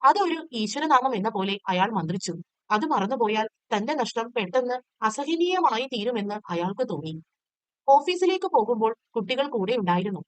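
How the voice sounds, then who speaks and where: A woman tutor reading a textbook short story aloud in a steady, measured storytelling way. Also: a little high, dry recording.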